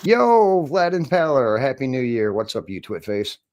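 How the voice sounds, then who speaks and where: A man's voice: mid-range voice, sing-song, normal speed, a little mellow. A man hosting his channel, giving casual, joking commentary on viewer-sent videos in an offhand, chatty way. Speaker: channel host reacting to videos.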